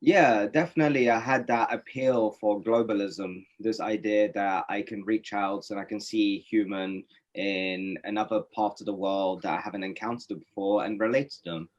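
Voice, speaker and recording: A man's voice: fairly low pitch, fairly even intonation, moderate pace, lo-fi sound. A man from Norway, a poet and interview guest, giving thoughtful, reflective answers with many fillers and restarts on a webinar call. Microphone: webinar video call.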